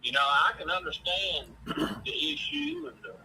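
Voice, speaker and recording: A man's voice: high voice, big pitch swings, normal speed, pushed and bright, a little hiss or hum, poor audio. A man with a folksy Southern drawl from Mississippi, chatting casually about sports as a show host.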